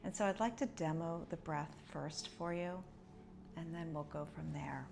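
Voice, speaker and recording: A woman's voice: low-pitched, moderate pace, creaky, background noise. A woman teaching yoga breathing, guiding step by step in a conversational, explanatory way. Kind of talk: instructional breathing lesson, guiding along.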